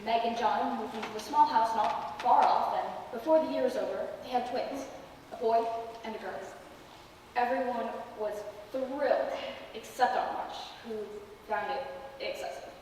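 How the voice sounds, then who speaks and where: A woman's voice: fairly high pitch, moderate pace, darkish tone, lightly acted. A woman playing a wry young woman who narrates her family's story in a stage play. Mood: wry, reminiscent. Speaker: narrator character. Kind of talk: theatrical narration to an audience. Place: theater stage, recorded from the audience area. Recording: echoey theater, distant mic, faint noise.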